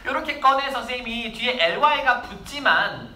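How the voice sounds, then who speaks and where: A woman teaching English vocabulary to a class, brisk and drilling words aloud for the students to repeat. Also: a little high, lively intonation, pushed and bright, reverberant, slight background noise.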